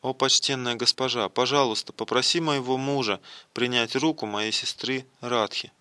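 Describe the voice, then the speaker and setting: A man's voice: mid-range voice, fairly even intonation, moderate pace, sharp tone, no room sound, lightly acted. A man voicing a humble, remorseful young woman in a devotional play, speaking tenderly and pleadingly.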